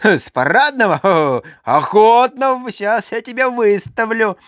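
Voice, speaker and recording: A woman voicing a stern, bad-tempered housekeeper who shouts and scolds in a read-aloud story. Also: mid-range voice, animated, unhurried, no room sound, clean studio sound, pitched above the performer's own voice, natural voice. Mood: angry.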